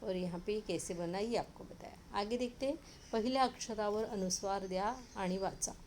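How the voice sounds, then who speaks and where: A woman teacher talks straight to young children, patient and clear. She draws syllables out slowly when she sounds out a word. Her voice sits at a middle pitch, with a faint hiss of noise in the background. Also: darkish tone. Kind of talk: explaining a children's lesson.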